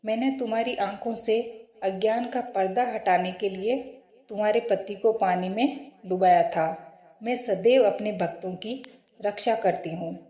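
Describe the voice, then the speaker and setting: A woman's voice: mid-range voice, measured pace, warm tone, close to an everyday voice. A woman voicing a benevolent, protective mother goddess in a spoken storybook tale, proclaiming solemnly. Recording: roomy echo.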